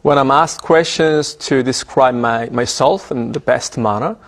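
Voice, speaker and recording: A man raised in Ghana answers interview questions in a voice of middling pitch with a strongly gravelly edge. He talks thoughtfully and often pauses or repeats a word before going on. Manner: thoughtful, with hesitations and repeated words. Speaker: ambassador interviewee.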